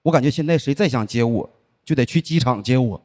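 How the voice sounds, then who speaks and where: A man performing a stand-up comedy set on stage, telling stories in a dry deadpan way and acting out the people he quotes. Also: medium pitch, quick pace. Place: comedy show stage with live audience. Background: audience laughter.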